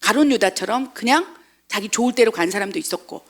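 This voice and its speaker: Female missionary pastor for a sermon: high voice with a gravelly edge, animated, keeps asking the congregation questions. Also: brisk. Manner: animated, acts out quoted voices; asks the congregation rhetorical questions.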